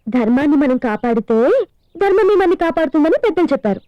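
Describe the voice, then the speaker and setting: Teasing young woman lawyer, high voice, faint music behind. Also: big pitch swings, no echo, muffled recording. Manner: teasing, quick-witted. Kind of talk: film dialogue.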